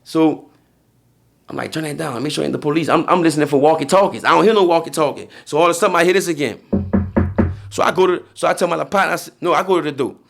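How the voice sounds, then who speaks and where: New Orleans man, young, gravelly, slightly high voice, slangy storyteller. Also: racing, music in the background. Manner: streetwise slang, frequent "you feel me". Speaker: podcast guest. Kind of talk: casual storytelling.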